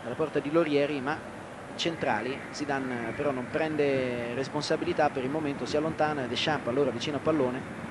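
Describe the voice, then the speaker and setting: A man's voice: mid-range voice, fairly even intonation, brisk. A man giving live football play-by-play in short, clipped phrases, naming players as they touch the ball. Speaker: football commentator. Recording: loud outdoor stadium noise, old broadcast. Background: outdoor stadium ambience.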